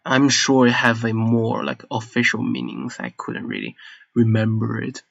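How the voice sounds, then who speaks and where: A man's voice: mid-range voice, expressive, vocal fry, fairly bright tone, no echo. A man whose first language is Mandarin Chinese gives a casual spoken lesson, searching for words and sometimes poking fun at himself. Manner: unhurried, searching for words, self-deprecating. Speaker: video creator explaining a language. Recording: slightly dull lo-fi recording.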